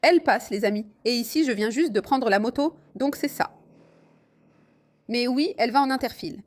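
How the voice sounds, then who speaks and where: A woman's voice: a little high, moderate pace. Chatty woman vlogging from a motorbike. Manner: chatty, exclamatory, addresses viewers as friends. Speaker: motovlogger. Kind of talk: casual riding commentary. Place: riding a motorcycle outdoors in city traffic in rain.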